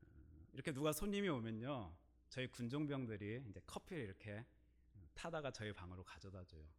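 Telling a personal story from the pulpit, this middle-aged pastor has a brisk, sing-song delivery in a mid-range voice. His sermon alternates hushed asides with loud, emphatic outbursts.

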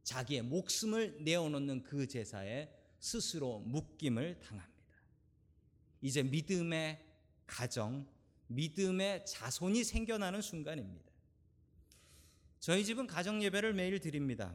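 Lively preaching Korean pastor. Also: male voice, a little high, normal speed. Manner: preaching with rising emphasis and direct questions to the congregation. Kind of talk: sermon.

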